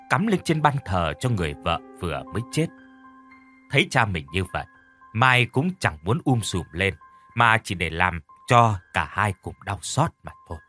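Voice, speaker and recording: A man narrating a scripted horror story with dramatic, expressive delivery. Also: on the low side. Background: faint music.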